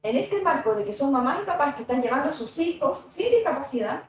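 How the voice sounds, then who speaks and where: A fairly high-pitched woman gives a university lecture, speaking in a thoughtful, conversational way full of little fillers and tag questions. She sits back from the microphone, and her voice rings around an echoey classroom. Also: sing-song, fast. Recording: echoey room, voice from a distance.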